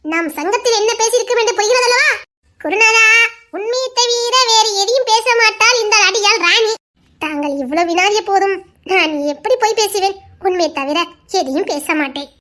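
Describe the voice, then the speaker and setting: A woman's voice: very high voice, normal speed, pushed and bright. A woman voicing a playful, teasing young woman in an audio drama, speaking with a giggly, mock-solemn manner. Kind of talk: Tamil audio drama acting.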